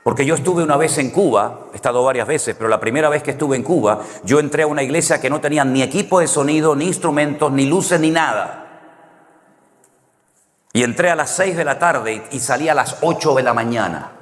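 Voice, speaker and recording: Canarian pastor preaching in a reverberant hall. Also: male voice, on the high side, fairly quick. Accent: Canary Islands Spanish. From Canary Islands, Spain. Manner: conversational storytelling with wry humor. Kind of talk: sermon.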